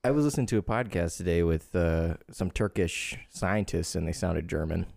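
A man's voice: low-pitched, moderate pace, vocal fry, darkish tone, dry recording, studio quality. A man co-hosting a casual podcast, rambling and laughing a lot. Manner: laughs often, rambling, playful. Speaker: podcast co-host. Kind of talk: casual chat.

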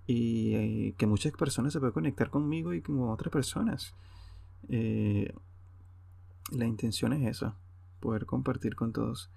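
Speaking unscripted on his own podcast, a Venezuelan-accented man rambles in a hesitant, casual way. The voice sits in the mid range, gravelly and dark-toned, with no echo.

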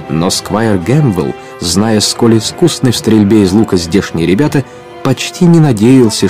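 With music running underneath, a male narrator tells an adventure tale for radio drama. His voice sits on the low side and his delivery is expressive and literary.

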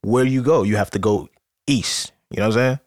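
A man's voice: fairly low pitch, fairly quick, no echo, clean studio sound. A young man co-hosting a podcast, explaining things in a loose, filler-heavy casual way. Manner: explains at length with many fillers. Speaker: podcast co-host. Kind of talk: casual chat.

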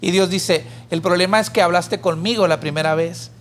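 A man's voice: high voice, normal speed, a little hiss or hum. A man, co-hosting a church podcast and telling a parable in a conversational teaching style. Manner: animated storyteller who raises his voice for the pleading character. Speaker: podcast co-host.

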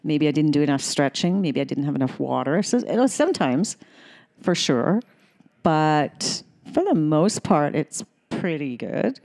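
A woman's voice: sits low, big pitch swings, unhurried, darkish tone. A woman who is a gym member, chatting casually with hesitant restarts and easy laughter. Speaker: gym member being interviewed. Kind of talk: casual chat.

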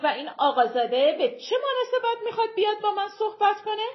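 A woman's voice: extremely high pitch, very animated, lo-fi sound, voice pushed up. A woman voicing a stern domineering matriarch. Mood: indignant. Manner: commanding, cold, scolding.

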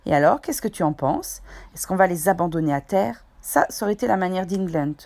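A woman's voice: on the low side, lively intonation, fairly quick, creaky, darkish tone. Long John Silver, voiced by a woman. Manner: folksy sailor's slang, persuasive. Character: cunning old male pirate cook, smooth-talking and ruthless. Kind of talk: audiobook character voice.

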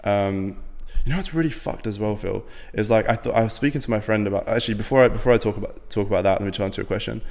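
A man's voice: lowish voice, rapid-fire, gravelly, hardly any pauses, a little mellow, in a large hall. A young man from Latvia, a podcast guest, chatting casually in a rambling way with lots of fillers and the odd swear word. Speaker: podcast guest, business owner.

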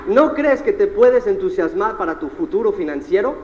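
A man giving an energetic seminar speech to a live audience. He fires questions at the crowd, tags his lines with "eh?" and mixes in English words. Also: high-pitched, moderate pace, lo-fi sound, slight background noise. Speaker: motivational speaker at a sales seminar. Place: large seminar hall. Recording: echoey hall with long reverb.

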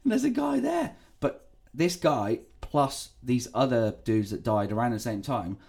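A man's voice: medium pitch, lively intonation, unhurried, creaky, darkish tone, slight background noise. Male podcast co-host; loose, rambling, salty storyteller. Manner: rambling, swears freely, breaks into laughs. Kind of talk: casual true-crime podcast chat.

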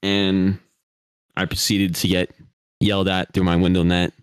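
A man's voice: low-pitched, completely flat delivery, a little slow, clean tone, dry recording. A young man co-hosting a casual podcast, rambling and laughing at himself as he talks. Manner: giggly, rambling, self-deprecating. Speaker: podcast co-host, driver.

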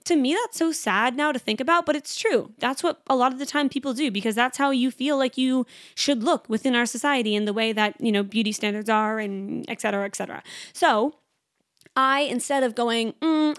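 A young woman in her twenties hosting a casual solo podcast, talking fast and chatty with lots of "like" fillers. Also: on the high side, a bit bright, no room sound, clean studio sound. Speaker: podcast host.

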